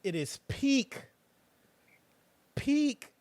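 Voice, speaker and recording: A man co-hosting a podcast in casual chat, animated and sarcastic, full of slang. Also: extremely high pitch, drawn-out words, no room sound. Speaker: podcast co-host.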